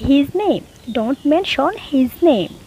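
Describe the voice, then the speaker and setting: A very high, lively voice belongs to a woman, a Bengali speaker teaching spoken English. She reads each sentence very slowly and deliberately, repeating it twice. A faint hiss of background noise sits under her voice. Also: dull audio. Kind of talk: slow, repeated phrase-by-phrase teaching.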